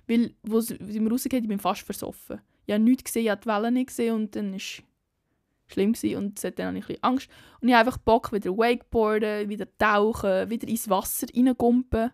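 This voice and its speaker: A woman's voice: a little high, a little mellow, no echo, studio quality. A young woman with a Swiss German accent, talking in a chatty, slangy, candid way in a casual vlog chat. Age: young adult. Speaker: vlogger.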